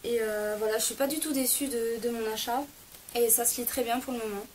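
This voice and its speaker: A young woman talks through a casual book haul on camera, her voice sitting a little high. She chats on with frequent hesitations and quick self-corrections. A faint hiss runs under the recording. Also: fairly even intonation, a little mellow, poor audio. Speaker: book vlogger.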